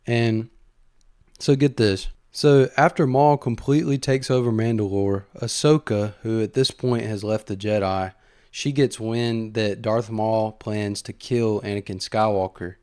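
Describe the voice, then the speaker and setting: A man's voice: lowish voice, darkish tone, clear, resonant tone, no room sound, studio quality. A man hosting a casual commentary podcast, recapping a story enthusiastically and conversationally, with fillers. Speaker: host.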